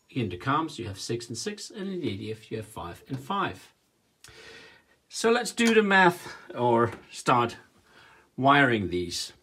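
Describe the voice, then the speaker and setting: Brief: male hobbyist tutor, slightly husky tone, lively rise and fall, walks through the wiring step by step at a whiteboard. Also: mid-range voice. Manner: talks while drawing diagrams, counting wires aloud with pauses. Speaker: home cockpit builder explaining wiring. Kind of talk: casual hands-on tutorial. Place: indoors, workshop by a whiteboard.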